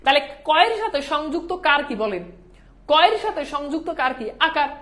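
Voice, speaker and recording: A woman teacher delivers a grammar lecture in a fairly high voice. She drills each answer by repeating it and often stops to ask whether the class has understood. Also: very animated, moderate pace, a bit bright. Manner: repeats key answers, asks the class if it is clear.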